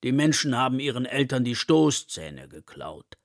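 A man voicing a gentle, wistful male elephant who speaks slowly and with longing. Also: mid-range voice, sing-song, dry recording, clean studio sound. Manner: slow, longing, soft-spoken.

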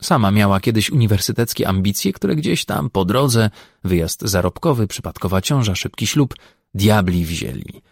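Husky, low-voiced male narrator. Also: lively intonation, moderate pace, no echo, clean studio sound. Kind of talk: audiobook narration.

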